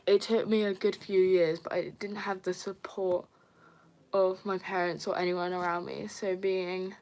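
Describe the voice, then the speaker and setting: A young woman chatting casually on a live stream, soft and hesitant, with many fillers and nervous giggles. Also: fairly low pitch, flat delivery, a little slow. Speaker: livestreamer reading viewer comments.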